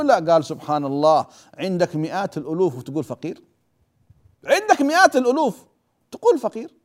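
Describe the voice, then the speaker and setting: A man gives a classroom lecture on hadith. His voice sits high and swings widely in pitch as he talks. He keeps putting questions to the class and then answering them himself. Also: darkish tone. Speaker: religious lecturer.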